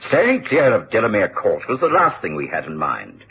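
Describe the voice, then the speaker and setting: An actor playing a genial, earnest middle-aged gentleman doctor with a Received Pronunciation accent, telling his adventures in a radio drama in a measured, expressive way. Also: fairly low pitch, heavily acted. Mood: grave storytelling. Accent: British Received Pronunciation. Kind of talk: radio drama narration and dialogue. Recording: dull, faintly noisy old radio recording.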